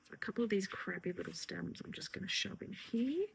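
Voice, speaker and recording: A woman florist talks viewers through her work in a relaxed, encouraging way. Her voice has a gravelly edge, and she often slips into a half-whisper mid-task. Faint noise sits under the recording. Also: mid-range voice, a little fast, low-quality recording. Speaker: florist teaching a tutorial. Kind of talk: casual instructional talk while working.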